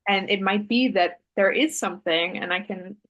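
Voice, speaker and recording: A woman guest talks in a relaxed, conversational way, wandering through her story. Her voice sits at an ordinary middle pitch. She stops to correct herself and fills the pauses. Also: highs cut off. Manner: thoughtful, meandering, with fillers and self-corrections. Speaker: interview guest, artist and Human Design author.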